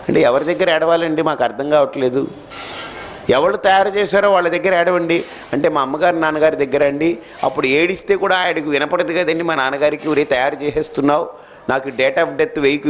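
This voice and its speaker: A man teaching a spiritual talk. His voice sits a bit high for a man. He keeps turning to his listeners with questions and then answers them himself, leaning hard on key lines. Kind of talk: sermon.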